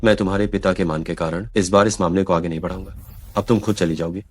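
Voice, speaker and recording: A man's voice: deep voice, fairly even intonation, quick pace. An actor playing a cold, powerful male CEO in a dubbed drama, curt and commanding. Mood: stern.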